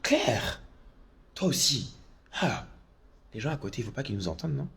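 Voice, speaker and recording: A man's voice: fairly low pitch, brisk, a little hiss or hum. Chatty man on a phone live stream. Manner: chatty and excitable, with bursts of loud exclamations. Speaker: drag performer on a live stream. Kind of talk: casual live-stream chat reading viewer comments.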